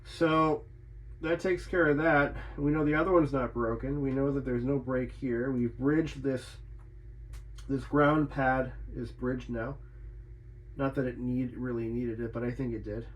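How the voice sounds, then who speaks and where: In a low-quality recording, a man with a medium-pitched voice speaks with a steady tone at a measured pace, presenting his own radio repair video. Casually chatting as he works, he thinks out loud and frequently puts questions to himself.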